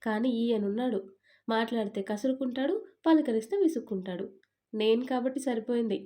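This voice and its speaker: A woman's voice: a little high, fairly quick, warm tone, natural voice. A woman voicing a sulky, talkative young newlywed wife in an audio story, complaining in a pouting tone.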